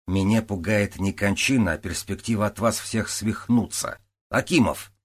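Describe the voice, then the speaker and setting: Stern, sarcastic middle-aged police captain, as a male narrator puts him on, barking orders in an audiobook, husky low voice raised in exasperation. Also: moderate pace. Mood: exasperated. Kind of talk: audiobook character voice.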